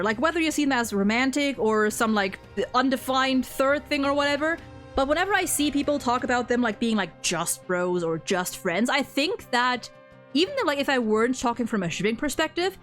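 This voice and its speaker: A young woman with a high-pitched, fairly bright voice chats casually and enthusiastically about a game's story, dropping "like" constantly. She's a video game streamer and discussion host, and music plays behind her.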